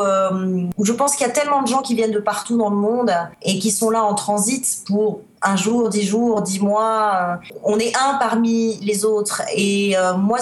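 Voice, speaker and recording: A woman's voice: mid-range voice, reverberant. A middle-aged woman from Spain, a guest in a casual radio interview, thinking aloud with many hesitations and restarts. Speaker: guest, guidebook author living abroad.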